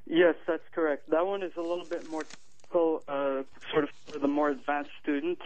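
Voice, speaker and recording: A Moroccan man, an author who teaches Arabic, phones in to a radio interview, his voice tinny over the telephone line. He sounds on the high side and flat, moving at a brisk clip. He is articulate, though he uses hesitant fillers.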